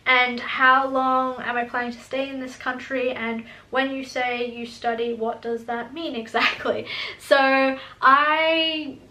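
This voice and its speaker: Chatty young woman, high bright voice. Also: little pitch movement, slow. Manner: chatty, laughs often, frequent restarts. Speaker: student vlogger. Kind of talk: casual Q and A vlog. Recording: echoey room.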